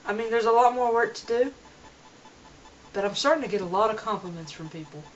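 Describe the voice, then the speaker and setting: A young woman vlogs earnestly at home, rambling and restarting her sentences, her voice a little high and brisk. She's recorded on a camera mic, and the lo-fi home video sounds dull, with a little hiss or hum.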